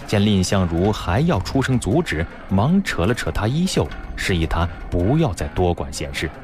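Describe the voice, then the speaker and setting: A male storyteller narrates with a low voice and very lively inflection. His delivery is expressive and dramatic, like a radio story broadcast. Faint music runs underneath. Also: normal speed.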